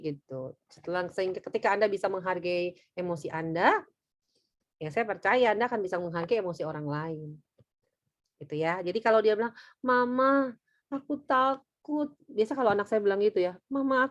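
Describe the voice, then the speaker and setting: A middle-aged woman counselor on a talk show, chatting in a lively way and acting out quoted voices. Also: lowish voice, a little fast, pauses often, no echo, muffled recording. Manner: chatty, lively, acts out quoted voices, frequent filler tags. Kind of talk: casual talk-show teaching.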